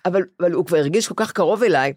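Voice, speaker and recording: A woman's voice: fairly low pitch, husky, dry recording, studio quality. An older woman chatting casually as co-host, telling stories and acting out the people in them. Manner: animated storyteller, acts out voices. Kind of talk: casual chat.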